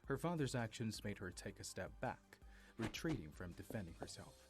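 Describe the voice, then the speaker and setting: Low-voiced man narrating a drama story. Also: very animated, normal speed, music in the background.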